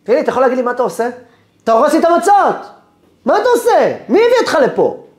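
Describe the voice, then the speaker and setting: A man voicing a furious middle-aged male matzah baker who shouts and berates. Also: extremely high pitch, huge pitch swings, reverberant, voice pushed up, heavily acted.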